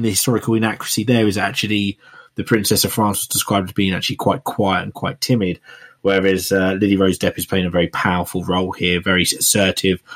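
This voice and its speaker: A man's voice: sits low, a bit bright, slightly rough. A man, hosting a podcast and reviewing a film in rambling casual chat full of fillers. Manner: rambling, many fillers and restarts. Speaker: podcast co-host reviewing films.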